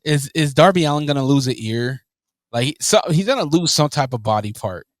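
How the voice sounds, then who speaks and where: A man co-hosting a podcast in casual chat, animated and teasing, laughing often. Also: mid-range voice, fairly quick, no room sound, clean studio sound. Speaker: podcast co-host.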